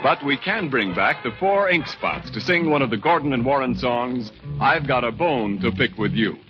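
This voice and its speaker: A man's voice: mid-range voice, expressive, normal speed, dull audio, music in the background. A male radio announcer giving polished, scripted promotional narration, heard on an old 1940s radio recording.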